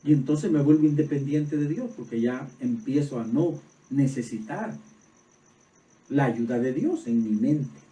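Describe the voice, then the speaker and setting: A man preaching a sermon as pastor, swinging from soft reflective passages to loud emphatic peaks. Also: medium pitch, unhurried. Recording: roomy echo, voice from far off.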